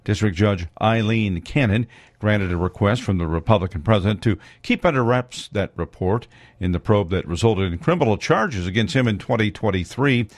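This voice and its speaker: A man reading scripted radio news as anchor in a measured, steady way. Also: on the low side, no room sound. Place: studio.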